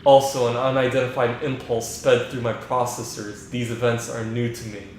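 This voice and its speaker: Lab computer, male, flat monotone, stiff and smitten, a man doing it in a very echoey room. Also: medium pitch, moderate pace, slight background noise, natural voice. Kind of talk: reading game dialogue aloud.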